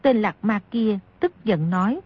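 A woman reading a martial-arts novel aloud as an audiobook narrator, in a steady, measured way. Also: mid-range voice, breathy edge. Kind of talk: scripted storybook narration. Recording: dry, dull lo-fi audio.

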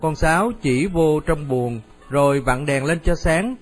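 A man narrating a radio story in a steady storytelling manner. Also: on the high side, a little slow, faint music behind.

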